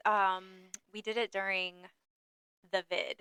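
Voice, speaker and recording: A young woman co-hosts a podcast in relaxed, chatty conversation, with lots of "like" fillers. Her voice is bright and smooth, and the recording is dry and close to the mic. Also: mid-range voice, takes it slowly, dry recording. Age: young adult. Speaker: podcast co-host. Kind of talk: casual chat.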